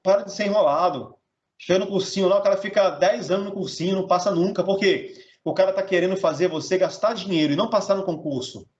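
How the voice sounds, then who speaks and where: A man's voice: high voice, fast talker. A man teaching Portuguese in a casual, blunt lesson, swearing and joking as he talks. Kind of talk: informal recorded lesson. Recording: dull, muffled audio.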